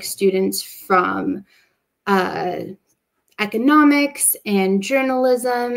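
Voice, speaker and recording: A young woman in her twenties, a master's student, casually presents her study program on a video call at an online open day. Her voice is medium in pitch and creaky. She keeps things relaxed, using lots of fillers and "like."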